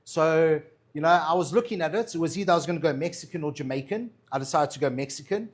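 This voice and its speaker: A chef from Madeira who grew up in South Africa, with a South African accent, chats casually through a cooking demo and answers viewer questions. His fairly high voice moves fast, chatty and reassuring, often tagging lines with "all right?" and "yeah?".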